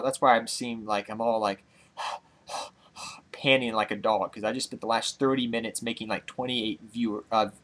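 Winded young man chatting excitedly. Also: lowish voice. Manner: rambling, excitable, repeats himself. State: out of breath. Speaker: channel host. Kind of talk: casual card-game vlog.

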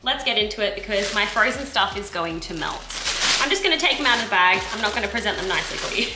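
A young Australian vlogger with a mid-range voice chats fast and expressively about her grocery haul, rambling a little and correcting herself. She's filmed by a camera on the counter in her echoey home kitchen, with background noise and music playing.

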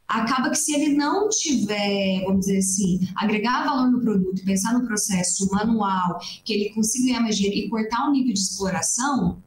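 On a video call from a small room at home, a young Brazilian woman who farms coffee earnestly explains things at length in an interview, frequently restarting. Her mid-range voice is brisk with hardly any pauses. A laptop webcam picks her up with roomy video-call audio and slight background noise.

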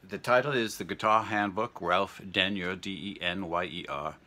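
An older man hosting a guitar vlog, talking in a casual, rambling, halting way, chuckling between thoughts. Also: low-pitched, pushed and bright. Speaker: guitar channel host.

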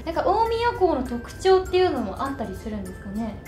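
Bubbly, very high-voiced young woman host. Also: very animated, fairly quick. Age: young adult. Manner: bubbly, giggly, chatty. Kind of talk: casual vlog hosting. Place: school classroom, indoors. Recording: roomy classroom with background music.

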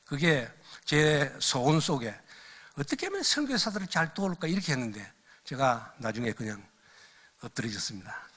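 Older man, missionary lecture, animated storytelling, bright forceful voice, lively pitch. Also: normal speed. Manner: animated storyteller who laughs at his own stories. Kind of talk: lecture with personal testimony.

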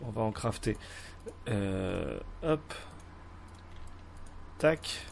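A man's voice: on the low side, animated, extremely slow, gravelly, a little hiss or hum. A man with a French accent hosting a casual game tutorial, talking hesitantly with many fillers and restarts. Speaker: Minecraft mod tutorial host. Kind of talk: casual screen-recorded tutorial.

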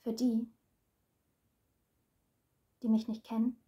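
A woman reciting her own dramatic spoken-word speech, slow and measured, sinking at times into a hush. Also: on the high side, flat delivery.

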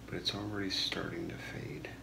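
A man in his thirties doing a whispered role-play as a shopping channel host, soft-spoken, with a slow, deliberate product pitch in a small room. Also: level tone. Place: small home room, indoors. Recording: echoey room with clear background noise.

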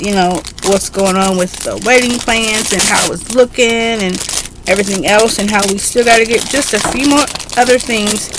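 A middle-aged woman talking casually on a home webcam in an excitable, chatty way, with frequent fillers. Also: medium pitch, background noise. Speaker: beauty vlogger. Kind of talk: casual haul video. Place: bedroom at home, indoors. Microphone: webcam at desk.

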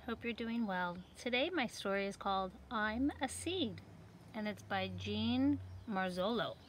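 A woman's voice: medium pitch, unhurried, slight background noise. A woman reading aloud to young children like a kids-show host, sing-song and putting questions straight to her listeners. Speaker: teacher reading a picture book to young children.

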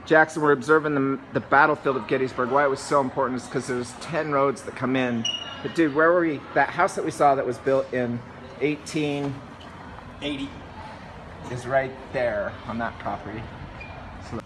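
A man's voice: mid-range voice, moderate pace, noisy background. A man filming a casual road-trip vlog with his son, chatty and joking, talking into a handheld phone camera. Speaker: father vlogging a road trip.

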